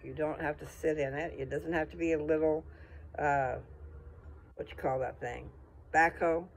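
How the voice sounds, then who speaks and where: A man's voice: fairly high pitch, steady tone, normal speed, a little hiss or hum. A man talking in a casual, folksy, rambling way, thinking aloud as if to someone he knows. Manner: folksy, informal, thinking aloud with trailing asides.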